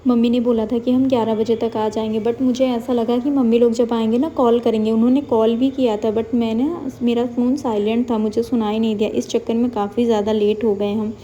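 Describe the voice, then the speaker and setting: A woman recounts her day in a plain, matter-of-fact way, with a dark, mellow tone and little rise and fall. Faint outdoor ambience sits behind her voice. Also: fairly high pitch, flat delivery, a little fast, few pauses, dull audio, a little hiss or hum. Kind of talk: casual vlog narration.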